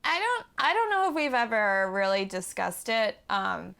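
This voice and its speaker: A woman's voice: fairly high pitch, animated, moderate pace, vocal fry, sharp tone. Laughing woman in a podcast chat. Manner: laughs often, restarts her sentences.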